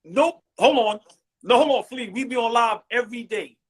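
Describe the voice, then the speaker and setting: A man in his forties hosting a livestream, teasing and trash-talking loudly in casual chat, repeating himself. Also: very high-pitched, normal speed, slightly rough. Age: 40s. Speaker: livestream podcast host. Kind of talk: casual sports trash talk.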